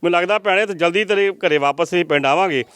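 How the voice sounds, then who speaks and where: Male field reporter, rapid, pleading, high-ish and clear. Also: fairly bright tone, no room sound. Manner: earnest, pleading appeals to viewers.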